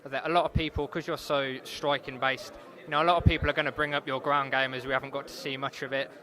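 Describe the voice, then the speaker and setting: A man's voice: medium pitch, flat delivery, quick pace. Male sports interviewer amid crowd chatter. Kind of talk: conversational sports interview questions. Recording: crowd chatter behind, urban venue.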